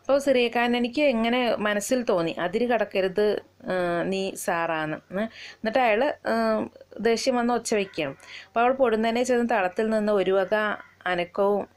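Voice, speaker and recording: A woman teacher who reads passages from a short story aloud, then slowly and patiently explains each one in plain words. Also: fairly high pitch. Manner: slow and patient, pausing often to paraphrase each passage. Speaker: literature teacher.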